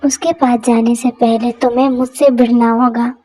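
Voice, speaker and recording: A protective young husband in a fan dub drama, hot-headed and stern, warning off anyone who threatens his wife, as a woman voices him. The voice stays fairly high for a man. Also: little pitch movement, normal speed, dark tone, husky. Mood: angry.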